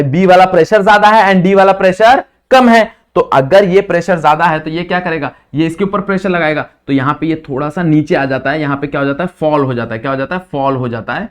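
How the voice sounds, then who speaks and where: A man teaching physics in a lecture style with a slight lisp, who keeps quizzing students with quick questions and calls them brother. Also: on the high side. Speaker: physics tutor. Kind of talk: classroom lecture mixing Hindi and English.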